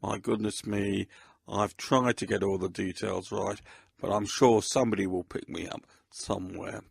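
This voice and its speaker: A man reflects on his own books as author and host, speaking in a fairly low, gravelly, husky voice. His intonation stays fairly even, and his delivery is measured and deliberate.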